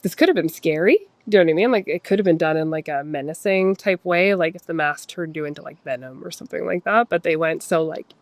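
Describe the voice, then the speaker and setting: A woman's voice: sits low, fast talker, few pauses, no room sound. A woman chatting casually as an interview guest, rambling as she thinks aloud and voices imagined reactions. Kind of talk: casual chat.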